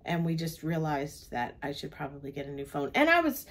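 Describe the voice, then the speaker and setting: Older woman with a low voice, chatting. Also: very animated, a little fast. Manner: chatty, recounts the day step by step. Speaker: travel vlogger. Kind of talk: casual chat. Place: cruise ship cabin, seated on a sofa.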